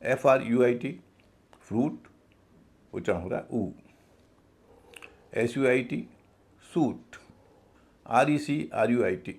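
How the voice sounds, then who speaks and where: A man's voice: medium pitch, creaky, darkish tone. A man teaching English pronunciation in a video lesson, spelling words out letter by letter and then repeating the correct form.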